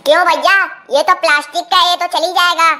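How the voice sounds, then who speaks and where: Brief: a performer as a shrill, bright village woman shopper, haggling, cartoon. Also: steady tone, a little fast, full character voice. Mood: teasing. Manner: haggling, mocking. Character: village woman customer, pushy and teasing. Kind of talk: cartoon comedy dubbing.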